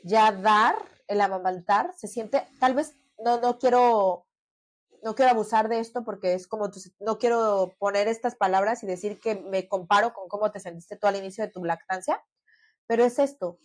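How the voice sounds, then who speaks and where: Telling her own story on a relaxed podcast she co-hosts, this Mexican woman is earnest and talkative, using many fillers. She speaks at normal speed in a medium-pitched voice, captured in a dry recording.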